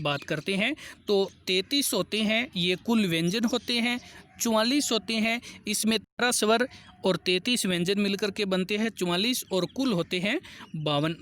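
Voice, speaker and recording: In a grammar lesson aimed at exam preparation, the teacher tackles each question in turn, says every answer twice, and calls out the question numbers in English. The voice sits at medium pitch with a fairly bright tone.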